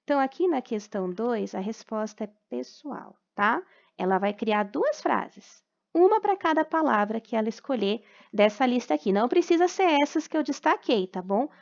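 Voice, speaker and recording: A Brazilian woman teacher with a fairly high voice talks parents through homework corrections in a patient, explanatory way, pausing often to check they follow. The recording is dull and lo-fi, made at home. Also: expressive, vocal fry. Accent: Brazilian Portuguese. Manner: patient, explanatory, frequent check-ins, slow syllable-by-syllable dictation. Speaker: primary school teacher. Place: at home during quarantine.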